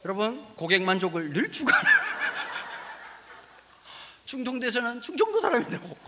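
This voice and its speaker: A middle-aged man preaching a lively comic sermon as a guest pastor in a large church, storytelling with playful dialect bits. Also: extremely high pitch, long reverb tail, heavy background noise. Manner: animated storytelling, slips into rustic dialect voices for laughs; says he talks very fast.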